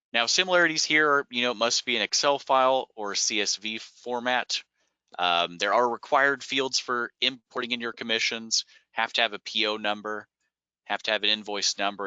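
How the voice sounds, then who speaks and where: A lower-pitched man with a strikingly bright, forceful tone, walking viewers through software features on a shared screen. His voice is smooth and crisp, and he explains patiently with easy "uh" and "um" fillers. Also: no echo, dull audio. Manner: relaxed and explanatory, frequent "uh" and "um" fillers. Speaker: software company staff presenting product updates. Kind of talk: webinar screen-share walkthrough.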